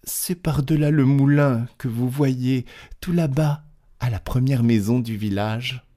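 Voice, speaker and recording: A man's voice: medium pitch, unhurried, dark tone, voice pushed up, natural voice. A man voicing an innocent little girl in a storybook reading, lifting his voice. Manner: raised, childlike voice.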